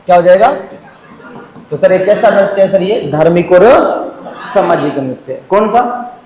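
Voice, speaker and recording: A man teaching a class in a lively, joking way, firing questions at the students and answering them himself. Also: sits high, normal speed, roomy sound, poor audio.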